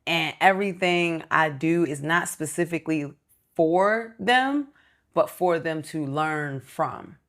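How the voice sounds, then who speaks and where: Earnest woman, slightly low voice. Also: slow. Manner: earnest, reflective, explaining step by step. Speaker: entrepreneur guest. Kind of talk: casual interview chat.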